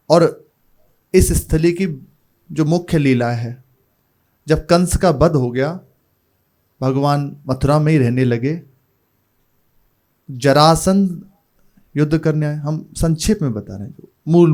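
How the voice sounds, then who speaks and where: A spiritual teacher from India tells devotional stories in a calm, unhurried discourse. He speaks slowly, and his phrases often fade softly at their ends. His voice sits at an ordinary middle pitch for a man. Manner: slow, unhurried storytelling with soft trailing phrases.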